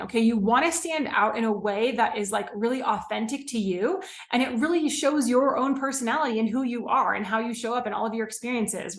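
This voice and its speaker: A young woman from California, a business coach teaching on a live stream in a casual way, often saying "like", "okay?" and "right?". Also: fairly high pitch. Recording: echoey room.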